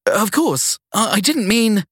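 A man's voice: high-pitched, very animated, slow pace, husky, no echo, studio quality, pitched above the performer's own voice, full character voice. A man doing a flustered young receptionist woman. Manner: hesitant, stammering and apologetic.

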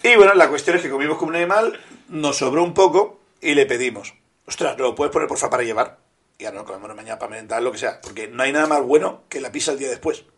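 A man's voice: medium pitch, fast talker, a bit bright. A man co-hosting a podcast, chatting casually, telling stories, joking and swearing freely. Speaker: podcast co-host. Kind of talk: casual chat.

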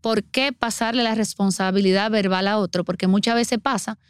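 A woman's voice: mid-range voice, steady tone, normal speed, smooth, no room sound, studio quality. A middle-aged woman, earnestly explaining child water safety as a guest on a podcast. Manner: earnest, explanatory, acts out everyday scenes.

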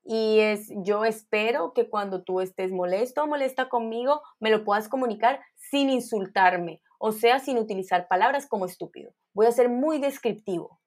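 A woman guest expert calmly explaining emotional skills in a podcast interview, laying out steps one by one. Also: a little high, moderate pace, few pauses. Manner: calm and instructive, lists steps.

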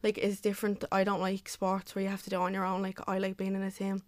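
A woman's voice: mid-range voice, completely flat delivery, fast talker, no room sound. A young woman who cheers and coaches, answering interview questions casually and saying "like" constantly. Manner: filler-heavy, says "like" constantly.

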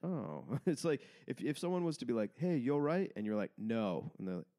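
A man's voice: medium pitch, sing-song, fairly quick, warm tone. A man, a comedian guest on a podcast, speaking frankly, laughing easily and acting out little quoted exchanges. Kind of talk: casual conversation.

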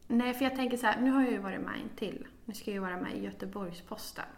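A young woman co-hosting a casual podcast, speaking hesitantly with many fillers. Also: medium pitch. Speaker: podcast co-host. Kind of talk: casual chat.

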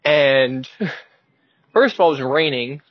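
A podcast host in his early twenties rambles while driving, thinking out loud in a casual, wry, self-mocking way. His medium-pitched voice moves slowly, with no room sound, and the recording is dull and lo-fi.

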